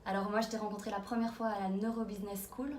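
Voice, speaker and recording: A woman interviewer talks quickly in a casual, conversational way. The sound is roomy, as if the mic is some distance from her. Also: mid-range voice, level tone. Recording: roomy echo, distant mic, faint noise.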